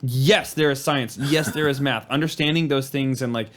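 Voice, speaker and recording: Podcast guy, live sound engineer, jokey and animated, says like a lot. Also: medium pitch, normal speed. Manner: animated, jokey, many "like" fillers. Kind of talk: casual chat.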